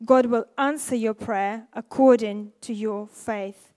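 A woman preacher with a high voice, reading scripture and then sliding into chatty testimony. She talks loosely, with fillers and restarts, in a church setting. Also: fairly even intonation, slow pace, a little mellow. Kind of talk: sermon with personal testimony.

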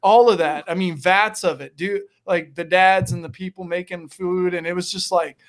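Chatty high-voiced man in his thirties. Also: fairly even intonation, normal speed. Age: 30s. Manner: chatty, uses "dude" and "bro". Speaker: podcast host. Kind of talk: casual interview chat.

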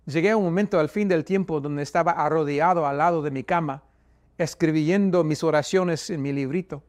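A man giving a personal religious testimony, speaking haltingly with many repeated words and restarts, his voice rising when he recalls his anguish. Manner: voice rises higher and louder when recalling anguish.

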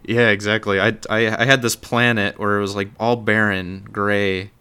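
A man's voice: fairly low pitch, little pitch movement, moderate pace, bright, forceful tone, clear, resonant tone. A young man co-hosting a gaming podcast, chatting casually and agreeably, often repeating his own words. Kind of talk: casual chat.

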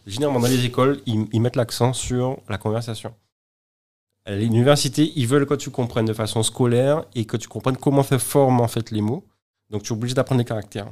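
A man's voice: medium pitch, steady tone, fast, a little mellow. A man speaking as an interview guest in casual conversation, often stumbling over and repeating words as he explains. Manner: hesitant, many repeated words and restarts.

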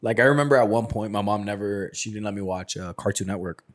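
Lowish-voiced man, slangy and teasing. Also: fast. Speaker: podcast co-host. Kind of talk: casual chat with swearing.

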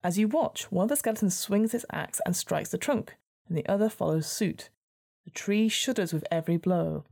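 Low, mellow woman narrator with creaky voice. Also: fairly quick. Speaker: host and narrator of a solo gamebook. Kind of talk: storybook narration with casual asides.

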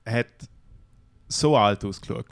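Low-voiced Swiss German man chatting. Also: slow, gravelly, clean tone. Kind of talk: casual chat.

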